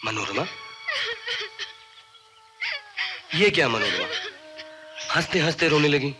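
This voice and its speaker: A man as a tender coaxing young man, expressive lively voice, film music behind. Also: fairly high pitch, normal speed, lightly acted. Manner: coaxing, teasing, soft-spoken. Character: gentle devoted young man, playful and tender. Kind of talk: 1980s film dialogue. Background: film score.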